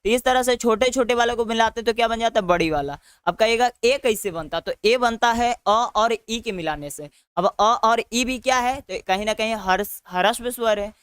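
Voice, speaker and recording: A man's voice: extremely high pitch, moderate pace, hardly any pauses, a bit bright, clear, resonant tone, no echo, clean studio sound. A male teacher with a Bihari Hindi accent, giving an online grammar lesson by asking questions and answering them himself, often adding a tag question. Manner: drills students with repeated questions and answers.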